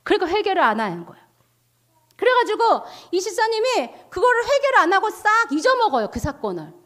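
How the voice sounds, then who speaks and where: A woman missionary preaching a testimony sermon, telling a story with lively asides and questions to the audience. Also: very high-pitched, a little fast.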